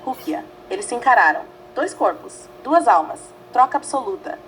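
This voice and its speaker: A woman narrates a fan-written story in short, weighty phrases. Her voice sits a little high, and the reading stays measured and dramatic throughout. A faint ambient hum runs underneath. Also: very animated, fairly bright tone, rough recording. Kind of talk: scripted fanfiction narration.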